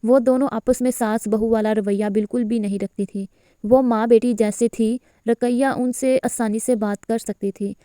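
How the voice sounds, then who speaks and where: A woman reading a romantic novel aloud in steady storytelling narration. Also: on the high side, smooth, no echo, clean studio sound. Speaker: novel reader.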